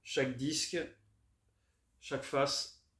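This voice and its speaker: A man chatting casually as he shows off his record finds, relaxed and hesitant with many fillers. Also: mid-range voice, slow pace. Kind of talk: casual unboxing chat. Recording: roomy echo, faint noise.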